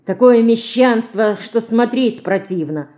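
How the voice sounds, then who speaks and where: Woman reading as a no-nonsense aunt, firm and sharp, mellow voice. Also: a little high, animated, unhurried, pitched above the performer's own voice. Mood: scolding. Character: decisive, blunt practical aunt.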